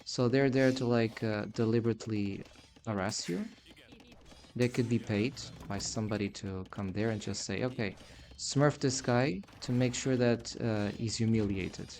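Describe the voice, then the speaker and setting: A man's voice: lowish voice, moderate pace, gravelly, a little mellow, a little hiss or hum. A man streaming live gameplay commentary, sarcastic and complaining as he plays.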